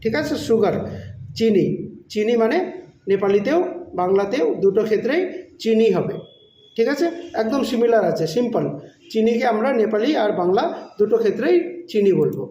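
A man teaching a spoken language lesson, slowly repeating each word several times for learners. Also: sits high, animated, dark tone, a little hiss or hum. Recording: echoey room, dull lo-fi sound.

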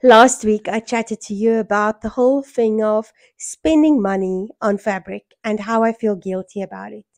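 A middle-aged South African woman with a hoarse voice worn by a cold, chatting casually in a home vlog. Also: medium pitch, fairly even intonation, normal speed, hardly any pauses, dry recording. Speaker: sewing vlogger. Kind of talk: casual vlog chat to camera. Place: small furnished room at home, indoors. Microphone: small microphone held near the mouth.

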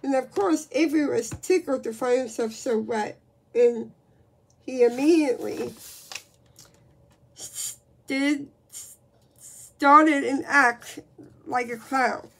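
A woman's voice: high-pitched, takes it slowly, creaky, pauses often, breathy edge. A woman reading a children's book aloud, with frequent slips and restarts.

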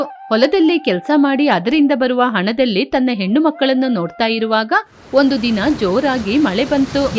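A woman narrating a moral story in a steady storytelling manner. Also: high voice.

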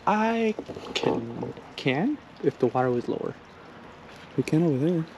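Narrating his vlog outdoors near a lake and trails, this man has a fairly high voice with big swings in pitch and a slightly slow delivery. He chats easily with viewers and shrugs off whatever goes wrong. The audio is muffled, with clear background noise from outside.

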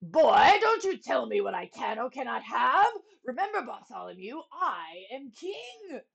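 A woman voicing a blustering, angry old king who growls and shouts his commands. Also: high voice, sing-song, measured pace, voice pushed up, full character voice. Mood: furious.

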